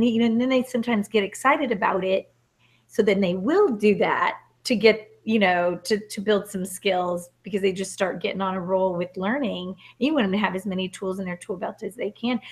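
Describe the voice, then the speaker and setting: A woman teacher leading a casual online book club discussion, talking emphatically and chattily. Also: mid-range voice.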